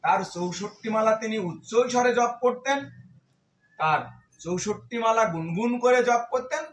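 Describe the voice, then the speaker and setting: A man's voice: sits high, moderate pace, echoey room, slight background noise. A man giving a devotional scripture talk, explaining and counting out numbers step by step. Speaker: devotional speaker.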